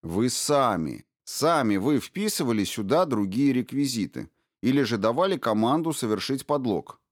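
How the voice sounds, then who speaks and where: A man voices a sly male investigator who asks probing questions in an innocent tone. He pitches it above his own voice, at a medium level with big pitch swings and a moderate pace. The studio recording is clean and dry.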